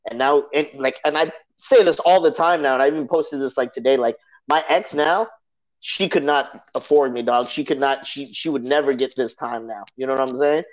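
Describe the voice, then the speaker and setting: Heard through dull lo-fi audio, a thirtysomething podcast guest talks in a slangy, emphatic, casual style, repeatedly saying "you know what I'm saying." His voice is mid-range and a bit quick.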